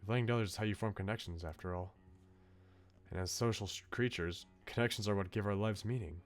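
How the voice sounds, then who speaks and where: Over background music, a man with a lowish, natural voice reads briskly as a visual novel's bookish male student, someone articulate, philosophical and politely opinionated. His tone comes across earnest and critical.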